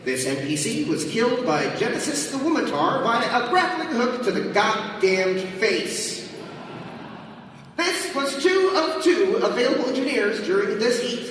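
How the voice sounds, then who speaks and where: A man voicing a high-pitched, officious and mocking game system announcer, recorded from far off in an echoey hall. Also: big pitch swings, unhurried, a bit bright, a little hiss or hum, exaggerated voice. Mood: snide. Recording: roomy hall, distant mic.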